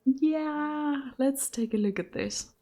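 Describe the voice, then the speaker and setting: A woman's voice: high-pitched, takes it slowly, mellow. A young woman commenting on a game she plays, reading its text aloud and reacting with delight. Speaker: gaming channel host.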